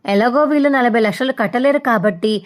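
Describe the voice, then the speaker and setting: A woman voicing a brash young man who shouts and taunts his family. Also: a little high, fast talker, pitched above the performer's own voice, close to an everyday voice. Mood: combative. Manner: loud, taunting.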